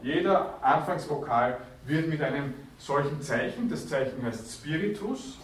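A man's voice: a little high, expressive, a little slow, far from the mic, a little hiss or hum. Man lecturing in an echoey hall. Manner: explanatory, with frequent fillers and self-corrections. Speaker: university lecturer. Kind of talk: university lecture.

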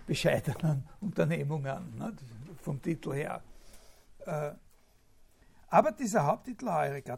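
A man's voice: high-pitched, creaky, a little mellow. A man giving a spontaneous academic lecture, thinking aloud with many filler sounds, restarts and tag questions.

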